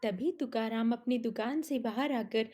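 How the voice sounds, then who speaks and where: A woman narrates a cartoon story in a plain, even way. Her voice is high but dark and mellow. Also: normal speed.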